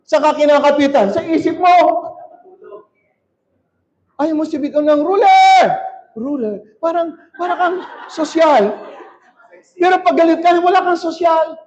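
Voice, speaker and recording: A male pastor preaching a sermon in a church hall, shouting and calling on the crowd to answer back. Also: very high-pitched, unhurried, pauses often. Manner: shouting, rousing, calls for crowd response. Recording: dull lo-fi recording.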